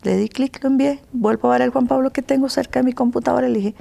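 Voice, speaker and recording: A woman with a Costa Rican accent, telling her personal story in an interview, earnest and emotional, at times dropping to a soft whisper. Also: high-pitched, fairly even intonation, quick pace, vocal fry. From Costa Rica. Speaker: interview guest.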